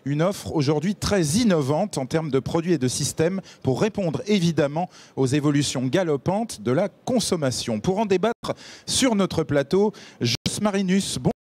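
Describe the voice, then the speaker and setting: A man's voice: on the high side, lively intonation, moderate pace, a little mellow. A man hosting a televised panel debate, formally introducing each guest with his title. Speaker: debate host. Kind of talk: broadcast panel moderation. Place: TV studio set.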